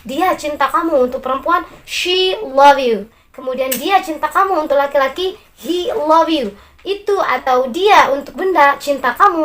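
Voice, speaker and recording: High-voiced Indonesian woman teaching English. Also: fairly bright tone. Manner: slow, drawn-out model pronunciations; friendly and encouraging, addresses learners directly. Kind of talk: online English lesson for beginners.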